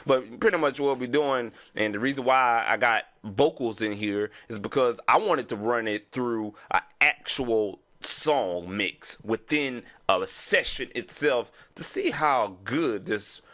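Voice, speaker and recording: A man's voice: medium pitch, unhurried, hardly any pauses, sharp tone. A man with a Houston accent, sounding stuffy from sinuses, casually explaining music production and saying "you know what I'm saying" again and again. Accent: Southern US, Houston. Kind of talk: casual screen-recording tutorial.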